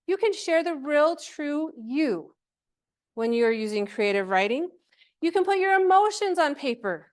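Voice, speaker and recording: With a high-pitched voice, a woman gives a chatty, encouraging workshop presentation to a live audience, pausing often to check in with questions.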